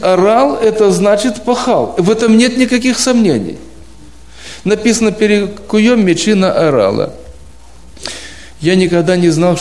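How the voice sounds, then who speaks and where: A man's voice: high voice, darkish tone. A man giving an informal talk to a group of church brothers, patiently explaining points with homely examples and questions. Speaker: preaching instructor. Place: church congregation abroad.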